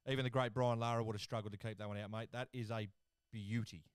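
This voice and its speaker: A young Australian man with a lowish, smooth voice talks fast, with no room sound, as he hosts a cricket watchalong stream from his lounge room. His commentary is relaxed and full of swearing, and wickets get him excited.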